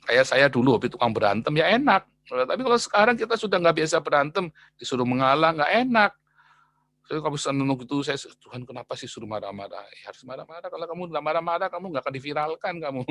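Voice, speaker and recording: A man preaching a casual, chatty sermon in a fairly high voice, full of exclamations and little chuckles. His delivery is animated and expressive. The sound is dry and close. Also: dry recording.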